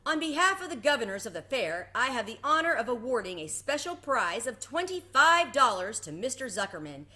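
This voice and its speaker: A woman voicing a booming, pompous male fairground announcer from a storybook, with a declamatory, oratorical delivery. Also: big pitch swings, fairly quick, hardly any pauses, bright, forceful tone. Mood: formal, proud.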